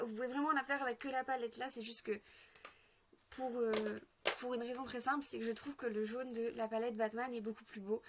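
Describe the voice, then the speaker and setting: A woman chatting through a casual makeup tutorial, hesitant with lots of fillers, a bit sick. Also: on the high side. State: sick, occasional coughing. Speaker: makeup vlogger.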